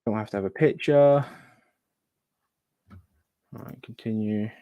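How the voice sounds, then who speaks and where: A man's voice: on the low side, a little slow, no room sound, lo-fi sound. A man chatting casually as host of a live gaming stream, thinking aloud and muttering asides to himself. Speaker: livestream host.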